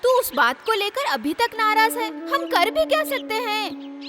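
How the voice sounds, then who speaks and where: A woman's voice: very high voice, very animated, a little slow, noisy background, full character voice. A woman dubbing a sarcastic young village daughter in a Hindi film dub. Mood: concerned.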